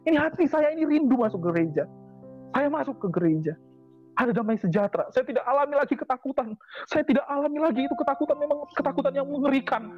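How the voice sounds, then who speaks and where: High-voiced man giving earnest testimony. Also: animated, quick pace. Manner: repetitive, earnest, heartfelt phrasing. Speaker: convert giving a church testimony. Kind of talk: personal testimony to a congregation. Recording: dull lo-fi recording with faint music.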